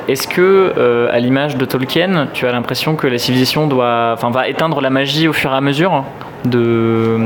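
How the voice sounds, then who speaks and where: A man hosts the interview in a relaxed, searching way, circling back as he shapes his questions. His pitch is ordinary, and a clear layer of background noise runs under his voice. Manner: casual, hesitant question phrasing. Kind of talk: conversational interview.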